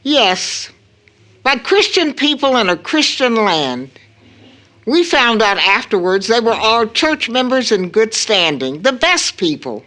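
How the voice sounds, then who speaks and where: In stage audio drama acting, a mother reveals a long-kept family secret, grave and anguished. Her fairly high voice is sing-song, pushed and bright, and heavily acted, and she speaks slowly, solemnly, deliberately, and emphatically.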